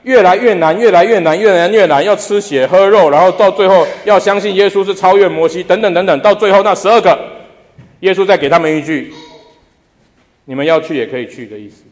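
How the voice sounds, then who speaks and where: A man's voice: sits high, quick pace. A man preaching a sermon as pastor, putting rhetorical questions to the congregation and repeating phrases for emphasis. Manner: emphatic repetition. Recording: long reverb of a large hall.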